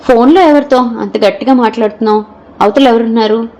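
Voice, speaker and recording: A woman's voice: a little high, fairly quick, darkish tone, highs cut off, voice pushed up, lightly acted. A woman voicing a suspicious, jealous young husband in an audio novel, with harsh, accusing delivery. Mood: angry, suspicious.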